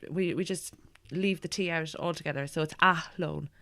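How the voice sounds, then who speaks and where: A woman's voice: deep voice, fairly quick, no echo, studio quality. An Irish woman chatting casually as a guest, in a hesitant, meandering way. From Ireland. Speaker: guest, stand-up comedian. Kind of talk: casual chat.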